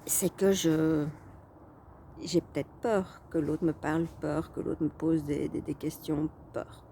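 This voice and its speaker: A woman's voice: low-pitched, steady tone, slow pace, mellow, a little hiss or hum. A woman coach talking casually to her viewers, chatty and hesitant, with frequent fillers and restarts. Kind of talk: casual talking-head vlog.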